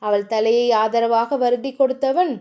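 A woman narrating a family romance novel with steady, expressive storytelling. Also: on the high side, a little slow. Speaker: audiobook narrator.

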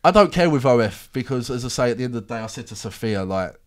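A man's voice: medium pitch, lively intonation, fast talker. A British man in his twenties chatting casually in an insistent, slangy way into a close studio mic. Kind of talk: casual chat. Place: small podcast studio. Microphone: close desk microphone.

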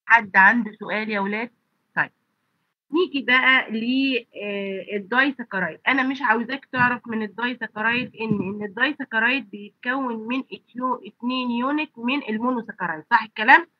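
A woman's slightly high voice moves fast as she teaches an online pharmacy college class in an Egyptian Arabic accent, nose and throat blocked. She keeps asking her students rhetorical questions and answering them. Captured by a computer mic on a video call, the recording is muffled with no echo.

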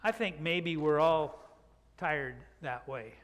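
A man's voice: a little high, animated, fairly bright tone. An older man, a pastor, preaching a reflective sermon from the pulpit of a church sanctuary, drawing out words for emphasis. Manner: reflective, unhurried, with drawn-out emphasis. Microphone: pulpit microphone. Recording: long church reverb.

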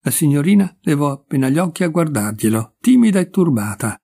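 A man reading a classic short story aloud in a measured, expressive narration. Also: fairly high pitch, gravelly, slightly rough. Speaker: audiobook reader. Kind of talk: literary narration.

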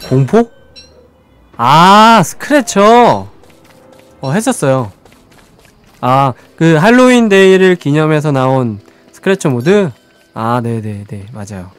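A man's voice: mid-range voice, very animated, normal speed, soft background music. A man streaming a survival game with live let's-play commentary, chatting with viewers and talking to the creatures on screen.

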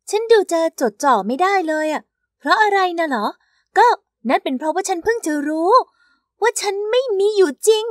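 A woman with a very high voice tells a first-person story in a chatty, confiding tone. Her narration is scripted, recorded dry and close. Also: no room sound.

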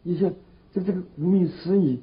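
An actor playing a bluffing, unschooled middle-aged job seeker in a TV comedy, speaking stammering, colloquial Sichuan dialect. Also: male voice, sits high, brisk, lightly acted. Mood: indignant. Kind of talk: comedy TV drama dialogue. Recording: dull lo-fi old TV sound, noisy.

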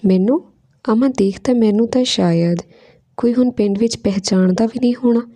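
A woman voicing an affectionate young mother who talks earnestly, with a gravelly, mellow voice. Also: a little high, a little fast, pitched above the performer's own voice.

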